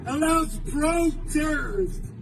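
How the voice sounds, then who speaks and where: A man in his forties giving an emotional rally speech, shouting with forceful repetition. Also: very high-pitched, expressive, takes it slowly, gravelly, noisy background. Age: 40s. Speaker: university employee speaking at a rally.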